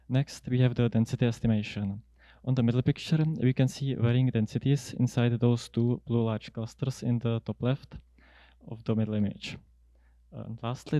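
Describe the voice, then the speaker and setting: A young adult male student researcher presents a paper in a prepared academic conference talk, standing at a lectern in an indoor seminar room. His medium-pitched voice has a soft-edged dark tone and a halting, measured delivery. A handheld mic held close to his mouth gives a dry, close sound with no echo.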